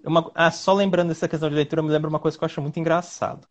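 Speaking at a fairly high pitch, a lawyer from Brazil talks informally on a video call as a guest. He is animated, wanders from point to point, and adds quick asides.

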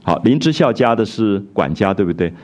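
A man giving a reflective, expressive lecture on a classic novel, retelling scenes and explaining them. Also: lowish voice, fairly quick. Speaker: literature lecturer.

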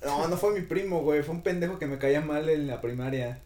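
A man's voice: a little high, steady tone, fairly quick, mellow, roomy sound. A young Mexican man telling a story in casual chat, rambling and full of slang and swearing. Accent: Mexican Spanish.

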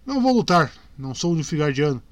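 A man's voice: fairly high pitch, big pitch swings, fairly quick, dry recording. A man voicing an earnest young male knight who insistently pleads and refuses, in a dry close recording. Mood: pleading.

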